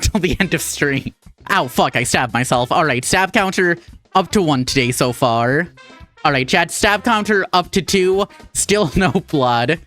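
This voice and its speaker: A woman with a Minnesotan accent chats casually on a craft livestream. Her lively voice jumps up and down as she talks. She jokes irreverently with her viewers while she sews. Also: lowish voice. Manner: irreverent, jokey, talks to chat while sewing. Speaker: VTuber streamer.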